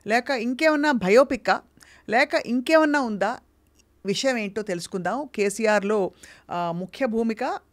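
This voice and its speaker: Playful woman hosting an interview. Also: on the high side. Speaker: interview host. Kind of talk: casual interview chat.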